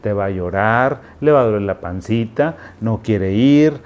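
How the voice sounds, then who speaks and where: A man's voice: on the low side, lively intonation, a little slow, darkish tone. A man with a Mexican accent, a doctor explaining things to parents in a conversational, advice-giving way. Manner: conversational, explanatory, acts out quotes.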